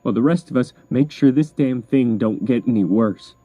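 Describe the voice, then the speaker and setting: A man's voice: mid-range voice, moderate pace, warm tone, no echo, lo-fi sound, soft background music, lightly acted. A man voicing a sensible, folksy farm pony mare who speaks plainly. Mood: earnest.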